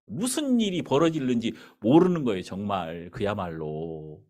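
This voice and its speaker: Lively storytelling male pastor. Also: lowish voice, normal speed. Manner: animated storyteller acting out dialogue. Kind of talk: sermon with storytelling. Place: church sanctuary.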